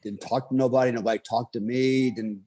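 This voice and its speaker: A man in his fifties who grew up in Germany tells his life story as a motivational speaker, rambling through it with plenty of fillers and rhetorical asides. His mid-range voice is steady and dark with a breathy edge, and he talks a little fast.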